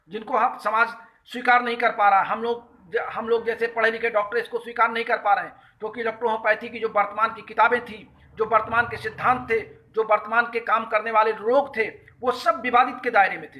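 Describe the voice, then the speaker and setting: A man's voice: very high voice, sharp tone, rough recording. A middle-aged man from Uttar Pradesh with a Hindi accent of that region, hosting a live call-in health talk, greeting callers and explaining an article point by point in an earnest tone. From Uttar Pradesh, India. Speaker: host of a health talk show.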